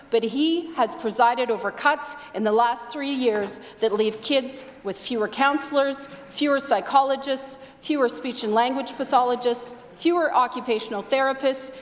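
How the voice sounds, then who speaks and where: High-voiced Canadian woman attacking in parliament. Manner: accusatory, critical. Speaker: opposition legislator. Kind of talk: formal parliamentary statement. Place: large indoor legislative chamber. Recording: echoey legislative chamber, long reverb.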